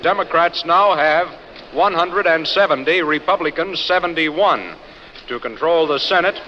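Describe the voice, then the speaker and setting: Formal 1940s radio announcer in reverb. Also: male voice, a little high. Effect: old 1940s radio news broadcast recording. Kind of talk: reading election results on air. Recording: lo-fi old radio recording with long reverb and faint hiss.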